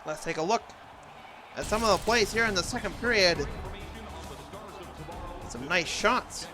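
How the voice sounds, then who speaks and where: A man's voice: high voice, lively intonation, measured pace, over music. A man doing an impression of an earnest TV hockey play-by-play announcer, calling a video game in clipped present-tense phrases. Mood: analytical.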